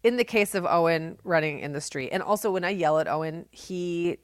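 A middle-aged woman co-hosting a podcast tells stories in a casual, candid, self-deprecating way with a big, projecting voice. Her lowish voice is clear and resonant and a little fast, captured in a dry, clean studio recording.

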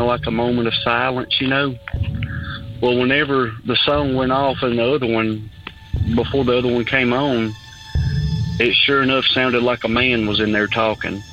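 Appalachian-accented Southern man on a tinny phone. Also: medium pitch. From Alabama, southern United States. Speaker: caller. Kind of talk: casual personal storytelling. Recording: tinny phone line, faint music behind.

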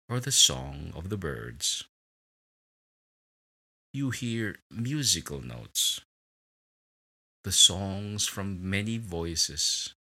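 Slow, soothing deep-voiced meditation guide. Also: male voice, pushed and bright. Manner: slow, soothing, with long pauses.

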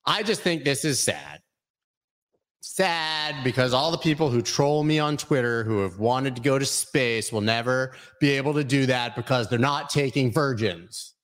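A man's voice: medium pitch, moderate pace, fairly bright tone. Forties male host, casual rambling live-stream banter with jokes. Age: 40s. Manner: rambling, jokey, reads chat comments aloud. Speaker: crypto show host.

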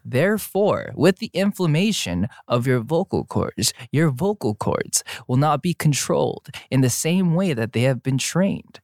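A young man and singer talking casually in a podcast chat, jokey and animated, explaining things with playful exaggerated examples. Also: on the high side, unhurried, few pauses, no room sound, clean studio sound. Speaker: singer guest.

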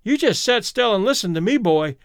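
A man's voice: high voice, expressive, fairly quick, no room sound, studio quality. A man voicing a mad, terrified old townsman, ranting in rustic speech. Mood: urgent. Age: older. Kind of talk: audiobook character voice.

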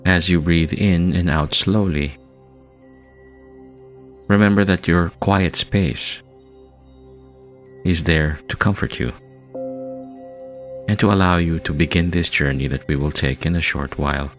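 A man hosting a guided meditation, speaking in a soft, soothing, hushed manner with long calming pauses, like a spa relaxation track. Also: low voice. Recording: voice over New-age music. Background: New-age music.

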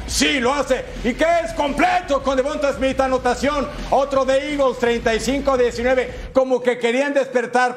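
A man presenting American football highlights with touchdown calls, playful and exclamatory, throwing in rhetorical questions.

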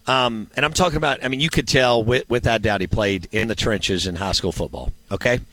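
A male sports talk host with an ordinary mid-range voice, recorded dry and close. He talks casually in a rambling way, thinking out loud and checking himself with questions. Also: mid-range voice, a little fast, dry recording. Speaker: sports radio show host.

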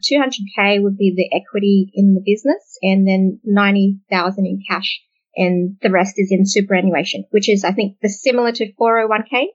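A woman from Australia in her late twenties or thirties, chatting as an interview guest in a relaxed, hesitant way with many ums. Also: mid-range voice, brisk. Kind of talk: casual interview chat. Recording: muffled, dull audio.

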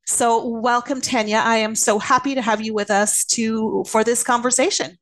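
A woman hosting a podcast interview, animated and quick to laugh. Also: fairly high pitch, low-quality recording. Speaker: podcast host. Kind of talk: casual interview.

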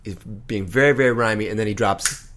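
A man co-hosting a casual chat about songwriting, thoughtful and halting as he works through ideas. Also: on the low side, a bit bright. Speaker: podcast co-host.

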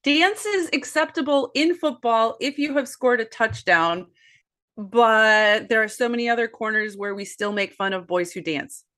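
Woman, 40s, podcast guest and author; earnest, animated storyteller. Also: a little high, normal speed. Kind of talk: conversational podcast discussion.

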